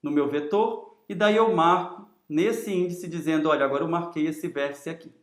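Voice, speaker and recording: A man's voice: fairly high pitch, moderate pace. A man with a Brazilian accent teaching, explaining step by step in lecture style. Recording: roomy, echoing sound.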